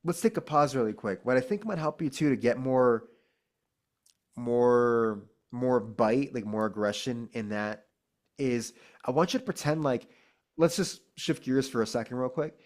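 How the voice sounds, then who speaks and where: A man's voice: mid-range voice, unhurried. A man teaching a casual one-on-one singing lesson, laid-back and encouraging, calling his student "dude" and "man". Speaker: vocal coach.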